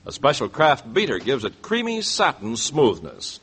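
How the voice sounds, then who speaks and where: This vintage broadcast features an American announcer delivering scripted 1940s radio ads like a smooth salesman, stressing words deliberately. His medium-pitched, slightly bright voice swings hugely in pitch over slight background noise.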